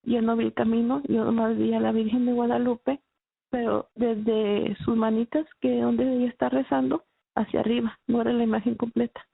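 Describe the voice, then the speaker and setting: Woman, faith testimony, raspy fry, tinny phone-like sound. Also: on the high side, level tone. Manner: halting, emotional retelling with many restarts. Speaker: testimony speaker. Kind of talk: personal religious testimony. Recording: dry, phone-like narrow sound.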